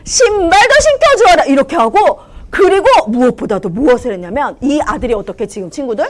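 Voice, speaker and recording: A young woman teacher telling a Bible story to preschoolers in a church classroom, in an animated, exaggerated storytelling voice. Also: on the high side, fast. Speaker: children's ministry teacher.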